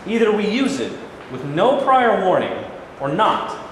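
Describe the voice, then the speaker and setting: A man's voice: sits high, big pitch swings, a little slow. A man playing a troubled, plain-spoken middle-aged president in a staged play reading. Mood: troubled, earnest. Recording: very echoey hall, noisy room recording.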